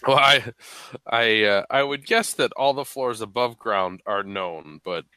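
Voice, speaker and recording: A podcast host with a stuffy, congested-sounding voice chats in a playful, casual way. His voice is lowish, sharp-toned and smooth, and he speaks a little slowly. There is no echo.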